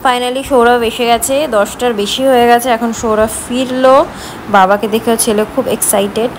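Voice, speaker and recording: A young woman narrating her vlog in a relaxed, conversational voice-over. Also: a little high, normal speed, slight background noise, low-quality recording. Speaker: family vlogger. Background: background music.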